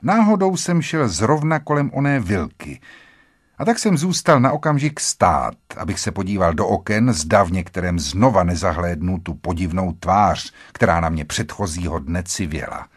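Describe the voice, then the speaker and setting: Lively husky man reading a story. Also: deep voice, no echo, studio quality. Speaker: audiobook narrator. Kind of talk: first-person literary narration.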